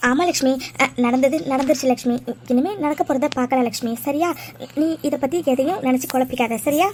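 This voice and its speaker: Cartoon mother, high, soft and apologetic, a woman voicing her. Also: fairly quick, slight background noise, lightly acted. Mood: soothing. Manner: soothing, anxious. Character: middle-aged mother, tender and apologetic. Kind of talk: cartoon voice acting.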